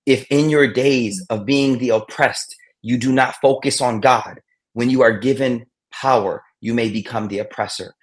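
A man giving sermon-like final reflections on a panel, with halting restarts and recited Arabic verses. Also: medium pitch, steady tone. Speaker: speaker on a panel.

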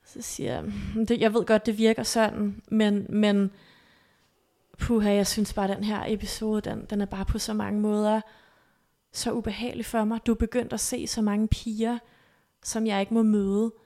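A woman recounting a painful story as a podcast guest, her voice soft and halting. There is a gravelly fry in her delivery. Her pitch stays narrow and level. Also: flat delivery. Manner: soft, halting, emotional retelling. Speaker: interview guest. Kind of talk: personal storytelling.

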